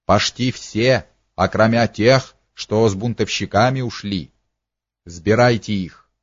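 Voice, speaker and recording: A triumphant German officer with a clipped, foreign twang, voiced by a man reading aloud. The voice is low, and the recording is muffled and dry. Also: slow, dry recording. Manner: speaks broken Russian with a German twang.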